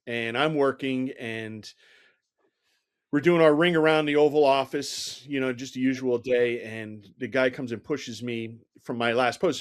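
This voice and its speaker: Middle-aged man telling lively anecdotes. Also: medium pitch. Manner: animated anecdotal telling, heavy use of "you know", acts out quoted dialogue. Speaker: guest, former Secret Service agent. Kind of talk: conversational storytelling interview.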